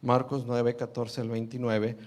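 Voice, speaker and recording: A man's voice: little pitch movement, unhurried, a little mellow. Earnest guy preaching, reading bible verses and asking listeners if they follow. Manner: earnest, asks listeners "¿sí?" often; acts out the father's plea with rising pitch.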